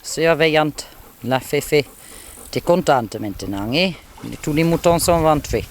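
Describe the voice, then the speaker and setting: A man's voice: fairly high pitch, animated, a little slow, slight background noise. A man filming by a lake outdoors on a camcorder, talking to his dogs in coaxing, cooing baby talk with sing-song exclamations. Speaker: dog owner filming a home video.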